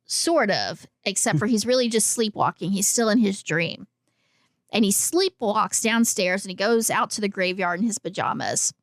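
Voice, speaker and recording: In clean, studio-quality audio with no room sound, a woman of medium pitch co-hosts a casual film recap podcast. She curses easily and acts out snatches of dialogue informally.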